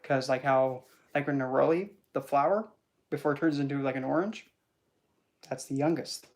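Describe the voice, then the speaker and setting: A speaker giving a casual esoteric teaching talk as a spiritual teacher, in a rambling, animated, chatty way. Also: mid-range voice, moderate pace.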